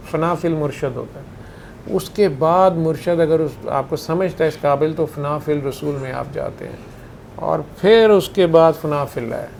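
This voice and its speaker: A man's voice: on the high side, vocal fry, darkish tone, slight background noise. A man with a Punjabi accent giving an informal spiritual talk to his followers. He talks conversationally, asks rhetorical questions and drops into Punjabi phrases. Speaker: spiritual healer.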